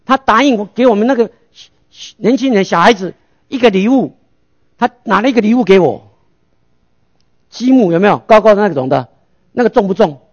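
A man's voice: high-pitched, expressive, fairly quick, long pauses, muffled recording. A male pastor preaching a sermon, asking rhetorical questions and answering them himself.

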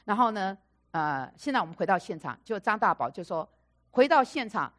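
A woman's voice: mid-range voice, moderate pace. A woman preaching a sermon through stories, repeating phrases for emphasis and acting out the dialogue. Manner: animated storyteller, acting out quoted dialogue. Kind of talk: storytelling sermon.

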